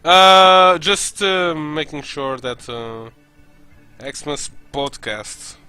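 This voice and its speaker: Bright high-voiced young man streaming. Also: expressive, drawn-out words, smooth, dry recording, soft background music, low-quality recording. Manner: rambling, with many fillers and restarts. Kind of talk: casual podcast-style stream chat.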